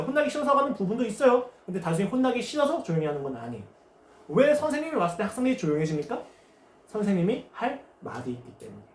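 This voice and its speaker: Animated Korean-speaking pastor preaching in echoey church. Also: male voice, sits high. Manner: lively preaching with rhetorical questions and acted quotes. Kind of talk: sermon. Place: church sanctuary. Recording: echoey church room, faint noise.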